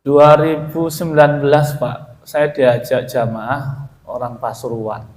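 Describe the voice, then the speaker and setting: A man's voice: medium pitch, flat delivery, slow pace, darkish tone. A male preacher with a Javanese accent, giving a folksy, conversational sermon and often addressing his listeners directly. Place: mosque. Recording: echoey hall reverb.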